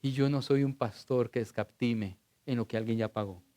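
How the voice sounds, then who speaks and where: A middle-aged male pastor, preaching a sermon in a church. He tells stories in a conversational way and swings between loud and hushed. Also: medium pitch, normal speed.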